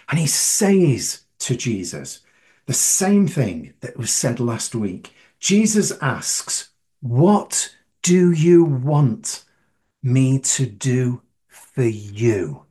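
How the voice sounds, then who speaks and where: Slow, husky preacher. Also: male voice, medium pitch, a little mellow. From northern England. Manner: asks the listeners questions, emphatic. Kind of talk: sermon.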